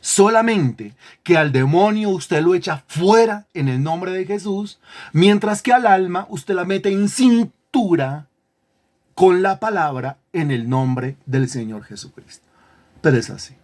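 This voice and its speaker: A man's voice: high voice, lively intonation, a little slow, a little mellow. Emphatic man preaching a sermon. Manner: emphatic, repeats phrases, asks the congregation questions. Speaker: pastor. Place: church congregation.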